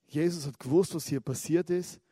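A man preaching a sermon in a conversational, lively way, often asking the listeners direct questions. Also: fairly high pitch, moderate pace, slightly rough, dry recording, studio quality.

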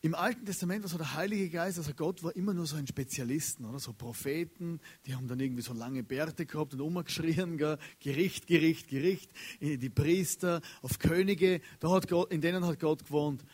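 A man preaching a casual, slangy sermon. He is chatty and animated, and keeps checking in with his listeners. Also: on the high side, a little fast, hardly any pauses, slightly rough.

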